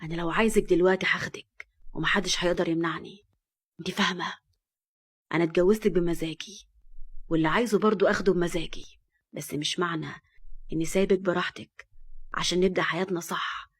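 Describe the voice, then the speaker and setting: A woman with an Egyptian accent voicing a cold, domineering rich man who speaks curtly and low. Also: fast talker, pauses often, husky. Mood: cold, commanding. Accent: Egyptian Arabic. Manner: curt, low and menacing.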